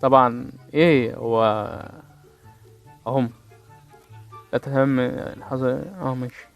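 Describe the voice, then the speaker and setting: A man's voice: mid-range voice, steady tone, slow pace, vocal fry, dull audio, soft background music. A man with an Egyptian accent giving casual, playful gameplay commentary, joking with his viewers and mouthing gunfire sounds. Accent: Egyptian Arabic. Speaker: gaming channel host.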